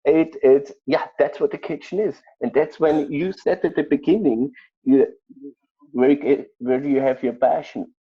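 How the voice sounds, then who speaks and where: A man with an Austrian accent, a chef telling stories in an interview, speaking haltingly with many fillers and restarts. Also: fairly high pitch, breathy edge, dull audio. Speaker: chef guest. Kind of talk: conversational interview storytelling.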